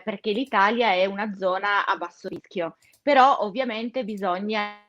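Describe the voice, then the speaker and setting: A woman explains practical news in an informal, emphatic way, leaning on the important words. Her voice sits at a medium pitch. The recording is close and dry, a little lo-fi. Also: dry recording. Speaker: co-host giving travel news updates.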